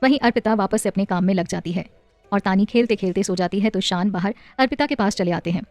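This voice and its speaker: A woman narrating a scripted audio story in a steady storytelling manner. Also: medium pitch, fast, dry recording, soft background music.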